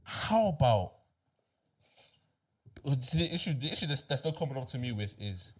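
A man's voice: mid-range voice, very animated, moderate pace, slightly rough. A young man in casual discussion, speaking emphatically, repeating himself and often checking that he is followed.

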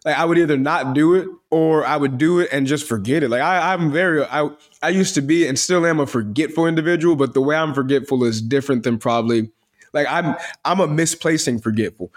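A man's voice: on the high side, a little fast. A man with a voice that carries, telling stories on a podcast in a loose, rambling way, full of slang and restarts. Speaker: podcast co-host. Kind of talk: casual podcast chat.

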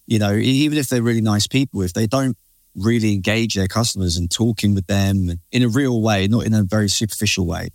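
British male, informal and slangy interviewee, lower-pitched, brisk delivery, matey and opinionated. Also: no room sound, clean studio sound. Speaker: barber and creative director, interview guest. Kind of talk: casual interview chat.

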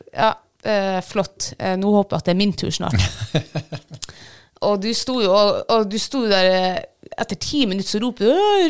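A woman in relaxed conversation tells a story about herself with candid, self-deprecating humor and frequent laughter. Her voice sits a little low and has a gravelly fry. Underneath that, the tone stays smooth and resonant. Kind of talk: casual chat.

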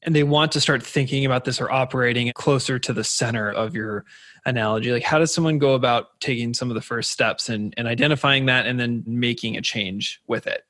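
A man's voice: medium pitch, fairly even intonation, a little fast, fairly bright tone, no room sound, studio quality. A man hosting an interview who asks thoughtful, rambling questions. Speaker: podcast host.

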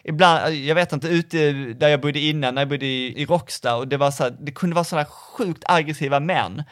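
A man's voice: a little high, fairly bright tone, no echo, studio quality. A man co-hosting a podcast in casual chat, acting out his own past remarks as he tells stories. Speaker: podcast co-host.

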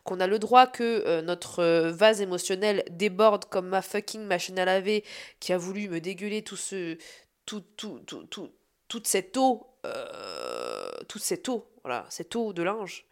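A woman hosting her own podcast, telling a story about her day in a casual, animated and self-mocking way, swearing freely. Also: lowish voice. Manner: shifts between fast asides and slow, dragged-out emphasis. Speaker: podcast host.

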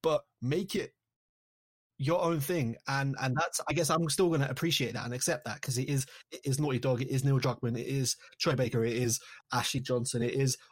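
Thoughtful man, halting restarts. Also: medium pitch, steady tone. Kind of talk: casual chat.

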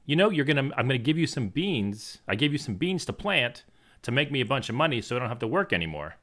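A man's voice: medium pitch, sing-song, fast talker, fairly bright tone. A man in his thirties, a podcast co-host, telling playful stories in casual chat. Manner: playful, jokey storyteller.

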